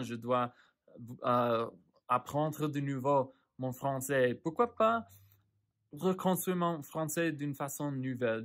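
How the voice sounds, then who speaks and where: A man speaking in a middle-pitched voice lays out his reasons as a French learner, one after another. He stops often and repeats words while he hunts for the next one. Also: a bit bright. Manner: halting, repeats words while searching for them. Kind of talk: explaining his reasons in a monologue. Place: lives in the United States.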